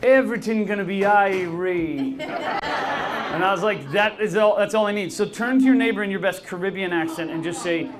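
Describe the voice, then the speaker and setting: A man's voice: high-pitched, moderate pace, noisy background. A man hosting a live podcast, talking with an upbeat, chatty manner and often asking the crowd questions. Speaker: podcast host. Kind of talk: live podcast talk to an audience. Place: bar venue with a live audience.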